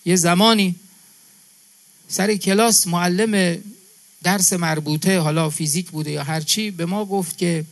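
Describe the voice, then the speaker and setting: A man from Iran giving a religious sermon to a gathering, building his points through emphatic repetition and calling his listeners brother and sister. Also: on the high side. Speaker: preacher.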